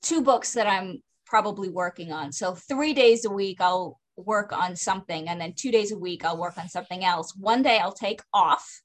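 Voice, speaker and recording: A woman's voice: medium pitch, normal speed, few pauses. A woman author with a light Maine accent, hosting a casual chat with frequent agreeing fillers. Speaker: podcast host, author.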